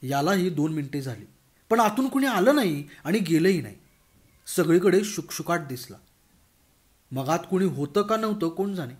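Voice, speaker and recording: A man reading a humorous story aloud in a lively, expressive narrating voice. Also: sits high.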